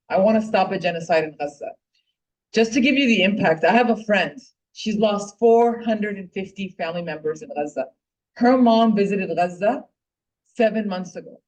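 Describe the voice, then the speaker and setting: A woman's voice: medium pitch, darkish tone. A middle-aged woman giving a heartfelt, impassioned personal speech at a political club meeting, speaking earnestly with frequent fillers and restarts. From Puerto Rico. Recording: distant, dull lo-fi room recording.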